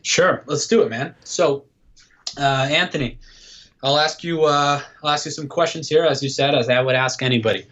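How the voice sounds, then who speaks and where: A man's voice: fairly high pitch, normal speed, a bit bright. Man, thirties, guest coach, podcast chat, explanatory, hesitant fillers, dull lo-fi audio. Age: 30s. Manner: explanatory, lots of "uh" and "um". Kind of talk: casual podcast interview.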